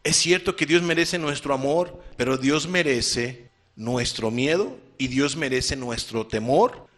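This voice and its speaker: A man from Mexico preaching a sermon, dropping low and quiet at times, then rising loud and emphatic as he reads scripture. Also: measured pace. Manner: rises to loud emphatic declaiming on scripture, drops low and soft between.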